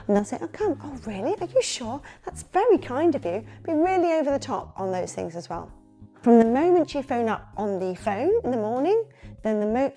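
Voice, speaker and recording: A woman's voice: medium pitch, dark tone. A woman with a London accent, a children's party entertainer giving candid, chatty practical tips in a casual advice vlog. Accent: London English.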